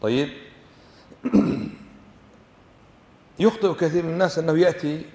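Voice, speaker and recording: Heard in a large hall, this sheikh's voice is a little high and darkish in tone, moving at a moderate pace. Teaching fiqh from a book with a Kuwaiti Arabic accent, he frequently asks the class questions and shows them how to pronounce words.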